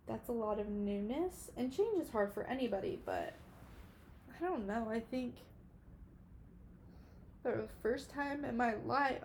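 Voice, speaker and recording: A woman's voice: on the high side, a little mellow, a little hiss or hum. A woman in her early twenties hosting a solo podcast, talking in a rambling, emotional way with many "like"s. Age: 20s. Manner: rambling and emotional, heavy use of "like". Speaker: podcast host. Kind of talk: casual solo podcast monologue.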